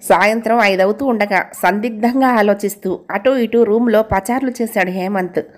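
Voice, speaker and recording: A woman storyteller giving steady, expressive scripted narration of a novel. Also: medium pitch, normal speed.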